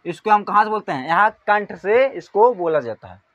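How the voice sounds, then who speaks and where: A man teaching an exam-prep grammar lesson, asking questions and answering them himself, calling out syllables one by one and trailing off softly. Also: high-pitched, expressive, normal speed, no room sound, highs cut off.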